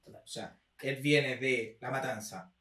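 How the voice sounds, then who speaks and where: A man's voice: mid-range voice, slow, sharp tone. Young Chilean man in a roomy echo. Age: young adult. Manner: frequent "¿cachai?" and "¿me entiendes?" tags. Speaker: podcast co-host. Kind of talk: casual literary discussion. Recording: roomy echo, mic at a distance.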